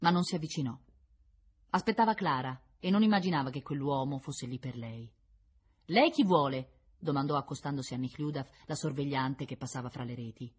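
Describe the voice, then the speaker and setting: A woman narrating a classic novel in an expressive, measured storytelling manner. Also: a bass voice, slightly rough. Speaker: audiobook narrator. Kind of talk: scripted narration.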